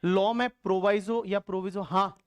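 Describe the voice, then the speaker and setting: A man's voice: high-pitched, steady tone, normal speed, clean tone, dry recording, highs cut off. A man teaching tax law in a classroom lecture, colloquial and explanatory, who quizzes the class and repeats the answers aloud.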